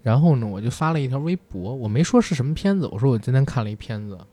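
A man's voice: medium pitch, animated, fast talker, warm tone, no room sound. A man chatting casually and telling anecdotes in a blunt, colloquial way. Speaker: film industry commentator. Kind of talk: casual chat, animated anecdotes.

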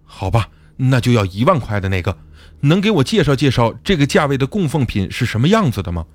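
A man's voice: medium pitch, big pitch swings, brisk, no echo. A man voicing a desperate young male student under family pressure, pleading and worn out, in an audiobook. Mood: resigned.

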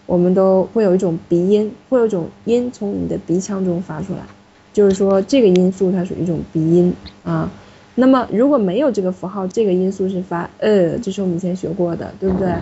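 A woman's voice: mid-range voice, fast talker, mellow. A woman teaching French to a class in a classroom, explaining step by step and patiently correcting students. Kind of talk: classroom language lesson. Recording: muffled, slightly noisy classroom recording.

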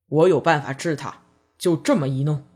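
A woman voicing a coarse middle-aged male dog butcher in an audiobook reading, with a blunt, gruff delivery. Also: deep voice, moderate pace, darkish tone.

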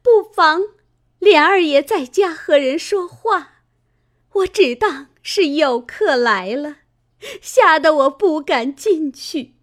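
A woman voicing a fierce, jealous young noblewoman in a dramatized novel reading, with shrill, sobbing, rapid scolding. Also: animated. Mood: wailing.

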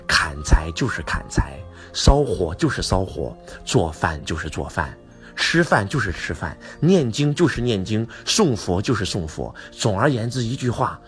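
A man voicing a serene old enlightened monk who speaks slowly and evenly. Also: fairly low pitch, very animated, faint music behind. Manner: slow, measured, unhurried.

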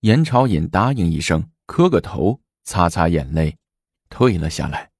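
A man tells a historical story in an animated, dramatic way. His voice sits low and sounds dry and close to the mic. He leans into the tense moments. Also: unhurried, vocal fry, breathy edge, no echo.

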